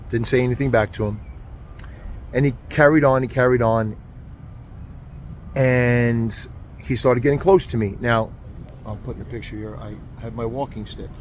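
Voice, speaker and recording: A man who teaches martial arts, telling a story to camera in an earnest, halting way, full of ums and uhs, at a train station. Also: medium pitch, slight background noise.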